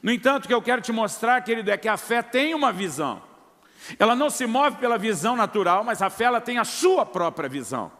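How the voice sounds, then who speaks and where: High-voiced Brazilian pastor preaching. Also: male voice, big pitch swings, quick pace, a bit bright, long reverb tail. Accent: Brazilian Portuguese. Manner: storytelling, acts out quoted dialogue, addresses listeners as brother. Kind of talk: sermon with testimony.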